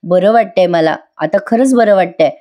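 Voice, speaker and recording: A woman voicing a gentle young woman reassuring her family, in a soft, calm manner. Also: on the low side, normal speed, dull audio, lightly acted.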